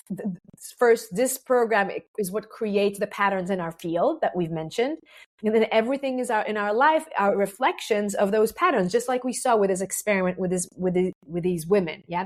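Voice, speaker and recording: A native Hebrew speaker with an Israeli accent, this woman appears as a podcast guest, speaking earnestly at medium pitch in explanatory interview talk. She explains ideas through analogies, often restarts phrases, and checks in with "right?".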